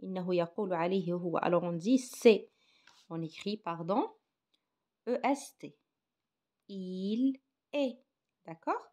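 A woman's voice: on the low side, a little slow, long pauses, mellow. A woman teaching a primary school grammar lesson, hesitant with many fillers, switching between French and Arabic to explain. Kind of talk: recorded grammar lesson for children.

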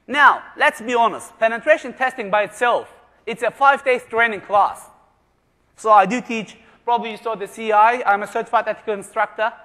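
A German man with a high-pitched, brisk, sharp-toned voice gives a jokey conference talk, quizzing the live audience with questions. He's in a large conference room, and the recording carries the long reverb of a big hall.

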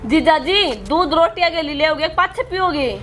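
A woman acts a young village housewife in a comedy skit. She has a high-pitched voice and a Haryanvi accent, and speaks with a sharp tongue, fed up with her in-law. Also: unhurried, slight background noise. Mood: impatient. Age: young adult. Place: open house courtyard, outdoors.

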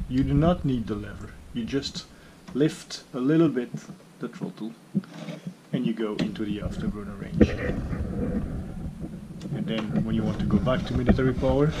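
The speaker is a middle-aged man of medium pitch, talking from off screen beside the camera as he demonstrates a home-built simulator cockpit in his workshop. His manner is calm and methodical, with non-native phrasing, and the camera-mic recording is clear, though background noise is present.

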